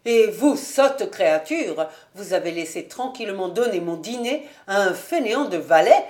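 A woman reading a storybook aloud and voicing an angry, hot-tempered male cooper with a gruff, blustering manner. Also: fairly low pitch, expressive, a little slow, darkish tone.

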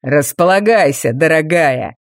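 Woman doing a male viscount villain, sneering, taunting, lowered voice, dry audiobook sound. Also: animated, unhurried, dry recording. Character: cruel mocking male viscount, menacing villain. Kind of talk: audiobook character voice.

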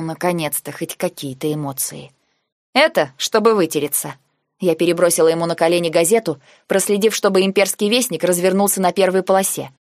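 A woman tells the story in the first person, her tone cool and cutting with dry sarcasm. Her voice sits a little low and stays measured. The recording is close and dry, with no room sound. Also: a little mellow, no room sound. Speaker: audiobook narrator. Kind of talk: first-person scripted narration.

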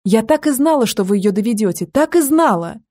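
A woman's voice: a little high, expressive, moderate pace, darkish tone, breathy edge. A woman reading an audiobook, voicing a fierce, protective older woman who squeals and scolds. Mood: furious.

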